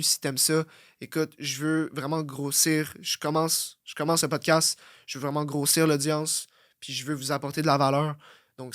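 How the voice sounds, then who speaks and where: A young man with a Québécois French accent, a fitness coach, hosts a blunt, profane motivational podcast that swings between loud outbursts and low muttering. The studio sound is clean, with no echo.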